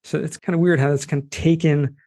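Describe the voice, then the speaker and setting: A man's voice: fairly high pitch, fairly even intonation, fast, mellow. A man with a Boston accent hosting a podcast interview, talking loosely with lots of fillers. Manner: loose, chatty, with many fillers. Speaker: podcast host. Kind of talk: casual interview chat.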